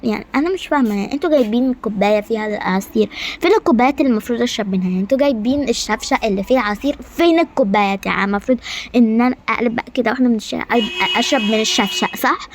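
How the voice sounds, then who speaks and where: Woman voicing a short-tempered queen, Egyptian accent, high voice, fast indignant scolding, hobby animation drama. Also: a little mellow. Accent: Egyptian Arabic. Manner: indignant, scolding, rapid complaints. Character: haughty short-tempered queen scolding her palace staff.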